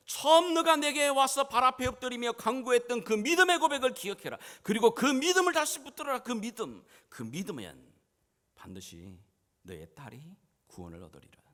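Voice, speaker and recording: A man preaching in the voice of Jesus, a gentle but firm grown man, speaking in earnest, pleading address that rises to impassioned urging. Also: very high-pitched, pitched above the performer's own voice. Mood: urgent encouragement. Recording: church hall reverb.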